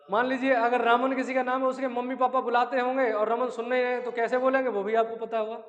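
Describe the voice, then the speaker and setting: A male teacher giving an exam-prep grammar lecture, who asks and answers his own questions and stretches out vowels as examples. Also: very high-pitched. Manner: drawn-out vowels and chanted syllables as examples. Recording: dull lo-fi audio in a long-echo room.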